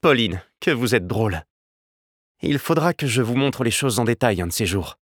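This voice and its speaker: A male reader doing a calm, wry young man. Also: medium pitch, moderate pace, no echo, studio quality, close to an everyday voice. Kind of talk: audiobook character voice.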